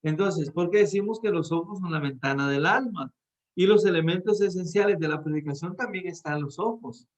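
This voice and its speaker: A man's voice: sits high, fairly quick. A man teaching a class on how to preach, talking directly to his listeners and often restarting his phrases. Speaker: preaching instructor. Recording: dull lo-fi sound.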